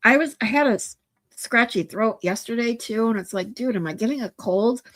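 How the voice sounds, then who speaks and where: A fairly high-pitched woman at a normal speed hosts a livestream, chatting casually with her audience. She's in her forties, sounds stuffy-nosed, and rambles with many ums and false starts.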